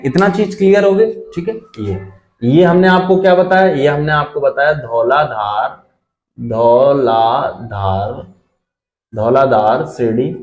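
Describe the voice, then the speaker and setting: A man's voice: fairly high pitch, roomy sound. A man giving an exam-prep geography lesson, asking and answering his own questions and checking in with listeners as he points things out on a map. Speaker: teacher.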